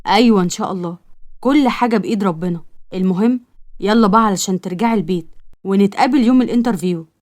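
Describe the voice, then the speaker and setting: A woman's voice: medium pitch, very fast, darkish tone, lightly acted. A woman with an Egyptian accent voicing an earnest young man who courts a girl, pleading and reassuring. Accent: Egyptian Arabic.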